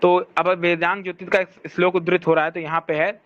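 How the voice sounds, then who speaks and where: Male lecturer, high voice, reads a text aloud and explains it, answers his own questions, dry close sound. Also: little pitch movement, brisk, no room sound, lo-fi sound. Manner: speaks to someone scrolling a shared document. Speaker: teacher of Vedic studies.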